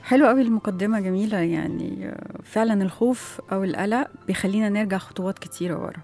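A woman's voice: mid-range voice, fast, a little mellow, faint music behind. A woman with an Egyptian accent, a guest education expert, explaining her ideas in an interview and often asking rhetorical questions. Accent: Egyptian Arabic.

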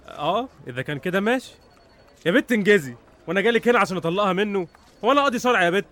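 An actor playing a brusque, sarcastic, intimidating police investigator with an Egyptian accent in a radio drama. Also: male voice, high voice, expressive, racing, a bit bright. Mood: impatient.

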